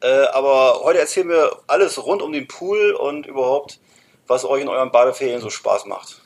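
A husky, slightly rough male voice at a middle pitch. He co-hosts a podcast in a chatty, explanatory way, speaking straight to his listeners. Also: normal speed. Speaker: podcast co-host. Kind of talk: casual podcast chat.

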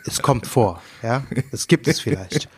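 A man co-hosting a casual podcast, steady and measured, laying out his points and objecting in a reasonable way. His voice sits at an ordinary middle pitch. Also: breathy edge. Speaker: podcast co-host.

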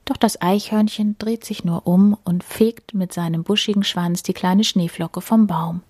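A woman reading a bedtime story aloud, gentle and hushed, often dropping to a whisper. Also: medium pitch, fairly even intonation, a little slow, husky, no echo.

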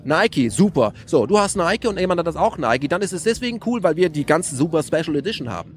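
A man speaking in an animated casual conversation, explaining his views with many restarts and rhetorical questions. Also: fairly high pitch, fast, a little hiss or hum. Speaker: interviewee.

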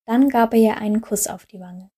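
Female storyteller, calm and gentle, breathy tone. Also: medium pitch, a little fast. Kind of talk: storybook narration.

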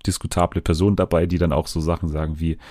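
Deep-voiced guy hosting a chill chat, lots of ums and restarts. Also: fast talker, no room sound, studio quality. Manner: relaxed, many fillers and restarts. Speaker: podcast host. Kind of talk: casual chat about TV.

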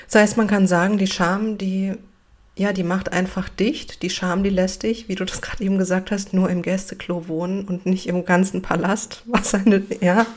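A woman's voice: mid-range voice, fairly even intonation, normal speed. A woman hosting an interview conversation, engaged, summarizing what she has heard and asking questions. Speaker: host.

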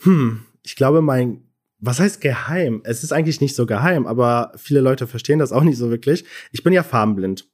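A man as a guest in a casual chat, explaining things in a relaxed way. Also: mid-range voice, moderate pace.

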